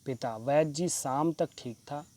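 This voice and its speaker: A man's voice: on the high side, a little mellow. A male teacher reading a textbook play aloud and stopping to explain the meanings of words. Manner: pauses to explain word meanings.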